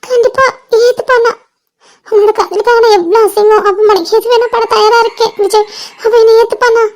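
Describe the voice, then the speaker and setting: Woman voicing a tearful, very high-pitched young woman. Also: flat delivery, normal speed, darkish tone. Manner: pleading, tearful. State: crying. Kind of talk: fan cartoon voice acting.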